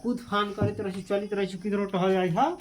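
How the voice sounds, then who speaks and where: A woman's voice: mid-range voice, steady tone, brisk, slight background noise. A woman teacher, explaining a school text to a class. She repeats each line and quizzes the students, switching into local dialect.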